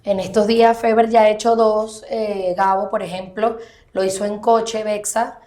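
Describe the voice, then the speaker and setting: A woman hosting a podcast, chiming in with quick playful remarks. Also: mid-range voice, flat delivery, a little mellow. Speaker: podcast host. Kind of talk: casual podcast conversation. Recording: roomy echo with faint noise.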